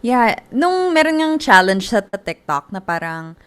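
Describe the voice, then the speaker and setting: A woman's voice: mid-range voice, big pitch swings, a little slow, clear, resonant tone. A woman in her twenties with a Filipino accent, hosting a podcast and chatting casually, mixing Tagalog and English and laughing often. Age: 20s. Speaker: podcast host. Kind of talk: casual chat. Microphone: podcast call.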